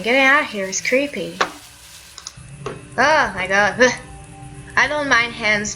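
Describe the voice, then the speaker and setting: A woman's voice: a little high, bright, forceful tone, low-quality recording. A woman playing a video game and chatting casually, reacting aloud to everything on screen. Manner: chatty, reacts aloud to what she sees. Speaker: let's play gamer.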